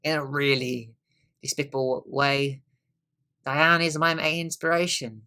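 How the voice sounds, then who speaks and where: Brooding middle-aged husband played by a young man; bright tone, wry, drifts into quiet asides. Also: mid-range voice, little pitch movement, a little slow, clear, resonant tone. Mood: weary. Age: young adult. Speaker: student actor. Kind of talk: stage monologue.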